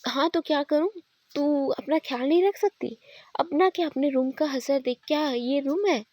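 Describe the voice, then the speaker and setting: Give me a woman playing a hot-tempered young woman, sharp and scolding. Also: high voice, normal speed, dry recording, natural voice.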